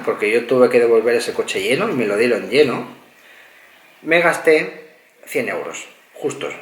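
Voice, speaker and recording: Guy from spain chatting through a car review, mid-pitch voice, goes step by step with lots of asides, echoey room. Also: fairly bright tone. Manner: conversational, explains figures step by step with many asides. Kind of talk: casual car review monologue.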